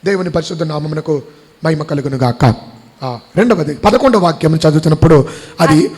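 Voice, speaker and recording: A pastor preaches a Sunday sermon in church, quizzing the congregation with rhetorical questions and repeating his phrases. His voice is fairly high, brisk, and a little mellow, with a long reverb tail and slight background noise.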